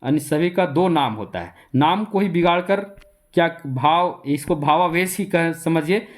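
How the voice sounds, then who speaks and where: Male coaching-class teacher with a Jharkhand accent and a slightly raised pitch. Explanatory, repetitive delivery. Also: unhurried. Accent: Jharkhand Hindi. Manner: repetitive, asks rhetorical questions, then answers them. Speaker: Hindi exam coaching teacher.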